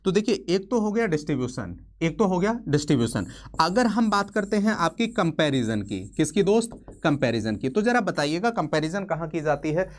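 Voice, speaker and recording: A man in his twenties teaching a maths lesson for exams, chatty and joking, asking questions and then answering them himself. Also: on the high side. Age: 20s. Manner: chatty and joking, calls viewers friend. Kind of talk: exam-prep lesson.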